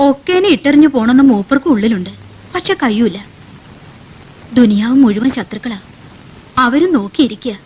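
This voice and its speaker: An actress playing a worried, motherly household woman who talks softly and resignedly. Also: fairly high pitch, animated, moderate pace, pauses often, husky, lo-fi sound.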